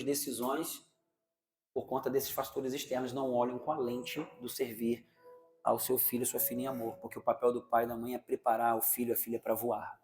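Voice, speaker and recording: Speaking in a mid-range voice, the Brazilian preacher stays animated, hurling rhetorical questions at his listeners and briefly playing the roles of parents and children.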